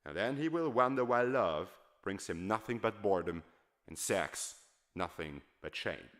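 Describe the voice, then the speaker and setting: With a lowish, slightly bright voice, a male literary reader delivers a character's monologue from a novel. The audiobook reading is scripted and dramatic, given in an emphatic, oratorical style.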